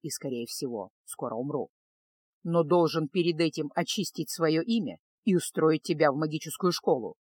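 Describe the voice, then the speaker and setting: Woman doing a brooding young mage, low and hushed. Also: lively intonation, breathy edge, dry recording, clean studio sound. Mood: despairing. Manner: subdued, low and halting.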